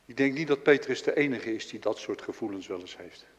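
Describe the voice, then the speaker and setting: A man preaches in a church, his voice carrying a long reverb through the large hall. He tells the story dramatically, acting out the characters' lines. He swings from loud to quiet. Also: medium pitch, expressive, fairly quick. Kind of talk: sermon.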